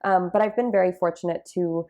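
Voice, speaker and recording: Her voice lowish and warm with fairly even intonation, a young Bharatanatyam dancer talks fast as an interview guest. She describes her dance journey reflectively and casually, sprinkling in lots of fillers.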